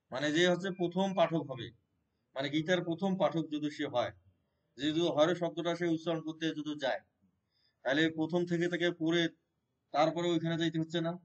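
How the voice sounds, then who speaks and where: A man with a fairly high-pitched voice leads a devotional scripture class. He explains step by step, repeats himself and keeps asking the listeners whether they follow. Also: rough recording. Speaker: Gita teacher. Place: Shiva temple gathering.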